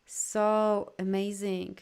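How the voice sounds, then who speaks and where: A woman with a medium-pitched, darkish, clean voice speaks extremely slowly and with little pitch movement. English isn't her first language, and she hosts a live energy healing session as a coach, chatting informally with viewers in an effusive, encouraging way and often reading out their comments.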